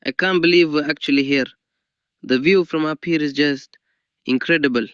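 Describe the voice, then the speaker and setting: A man's voice from a text-to-speech generator reading a sample line in a steady, enthusiastic way. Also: a little high, moderate pace, clean tone, no room sound, highs cut off.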